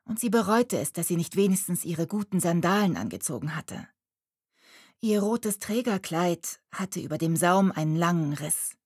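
Lower-voiced woman narrating a storybook. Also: lively intonation, moderate pace, darkish tone, breathy edge, no room sound, clean studio sound. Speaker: audiobook narrator.

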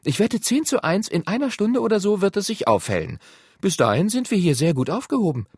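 A bossy older sister from a storybook, brisk and scolding, sits high above a man's own speaking voice. The tone is husky, and the reading sounds dry and close. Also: big pitch swings, no echo, exaggerated voice. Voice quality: high, bright girlish voice. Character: bossy older girl, quick and lively. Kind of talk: audiobook reading.

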